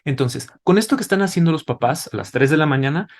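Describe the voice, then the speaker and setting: A man's voice: on the high side, expressive, quick pace. A man, a doctor, explaining to parents in a didactic way, asking rhetorical questions as he goes. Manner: didactic, asks rhetorical questions, tags with "¿vale?". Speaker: doctor, invited expert.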